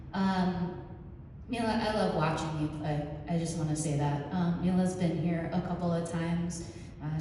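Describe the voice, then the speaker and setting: A woman's voice: lowish voice, warm tone. A woman hosting an event, introducing a guest in a friendly way with many fillers. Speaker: event host. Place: church hall. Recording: distant echoey hall with faint noise.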